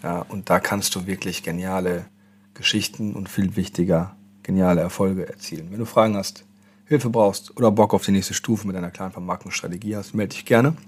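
A man's voice: low-pitched, steady tone, fairly quick, a little mellow, husky. A man hosting a solo marketing podcast, talking conversationally and addressing the listener directly with tag questions. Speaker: podcast host, marketing consultant.

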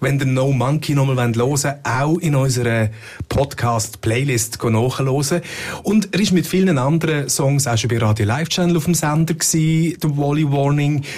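A man's voice: mid-range voice, normal speed, darkish tone. A man with a Swiss German accent, co-hosting a music podcast in a casual, conversational style. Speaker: radio music chief and podcast co-host.

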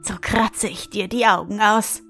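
A woman's voice: mid-range voice, fairly even intonation, a little slow, vocal fry, a bit bright. A clever, scheming cat, put on by a woman reading a fairy tale, who purrs out a meow before she speaks. She takes her time over every word. Faint music plays underneath. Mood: insistent. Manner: starts lines with a meow.

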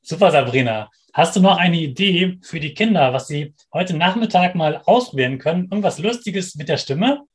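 A man's voice: on the high side, animated, normal speed, few pauses. A man hosting a children's podcast, friendly and restating the answers from a child's point of view. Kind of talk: interviewing for children.

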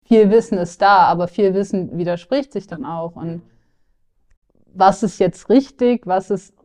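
A woman's voice: medium pitch, a little slow, darkish tone. A young woman from northern Germany, speaking candidly as a client in a podcast interview, with filler sounds and restarts. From Lower Saxony, Germany.

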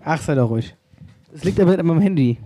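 A man's voice: a little high, lively intonation, racing, warm tone, slight background noise. A man chatting on a podcast, teasing the host and laughing often. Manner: teasing, laughs often, dialect-quiz presenter. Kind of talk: casual chat.

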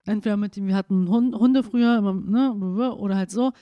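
A woman's voice: medium pitch, fairly quick, no echo, lo-fi sound. A young woman co-hosting a podcast, telling stories in casual chat with lots of fillers and acted-out quotes. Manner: chatty storyteller, acts out quotes with many fillers. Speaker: podcast co-host.

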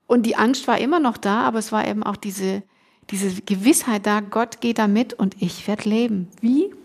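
A woman's voice: mid-range voice, creaky. A middle-aged woman, a podcast guest, earnestly telling a personal story in casual conversation, emotional and full of restarts.

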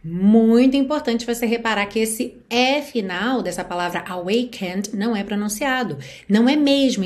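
A Brazilian woman teaching English pronunciation, explaining sounds patiently and repeating words slowly. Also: a little high. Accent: Brazilian Portuguese. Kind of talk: pronunciation lesson.

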